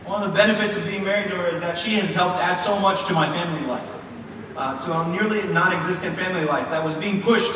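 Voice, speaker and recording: A man's voice: sits high, fast talker, noisy background. A man in his thirties giving a sermon in a church, telling a personal story with lots of fillers and restarts. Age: 30s. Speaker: preacher. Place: large church hall. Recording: echoey hall from far off.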